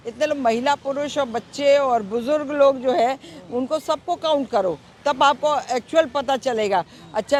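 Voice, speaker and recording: A woman's voice: sits high, a little hiss or hum. A woman answering a street interview outdoors, emphatic and indignant, often asking "right?" as she makes her points.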